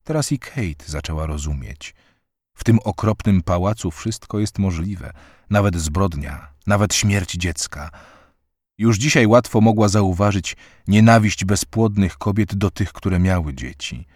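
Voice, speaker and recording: A man calmly reading a novel aloud as narrator. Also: deep voice, a little slow, dry recording, clean studio sound. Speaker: audiobook narrator. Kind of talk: scripted narration.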